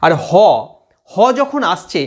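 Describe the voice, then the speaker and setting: A man's voice: slow, a bit bright. A man teaching students phonetics, patiently explaining and repeating sounds aloud to demonstrate them.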